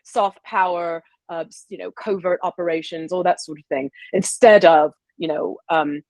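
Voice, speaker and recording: Low-voiced woman, halting interview guest. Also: steady tone, vocal fry, a little mellow, no echo. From American South. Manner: halting, restarts, frequent laughs. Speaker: historian and author guest. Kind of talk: podcast interview.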